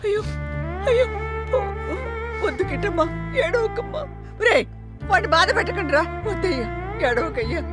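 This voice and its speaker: An actress playing a simple-hearted, trusting old grandmother who speaks gently and affectionately, in a film scene. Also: extremely high pitch, sing-song, a little fast, pauses often. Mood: comforting. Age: older. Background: film score music.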